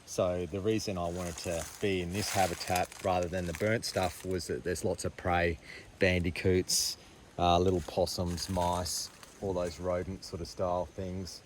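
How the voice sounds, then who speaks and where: Deep-voiced Australian wildlife host, outdoors. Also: male voice, flat delivery, a little slow, recorded from a distance. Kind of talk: wildlife field vlog, casual presenting to camera. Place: outdoors in the bush. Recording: outdoor field recording with background noise.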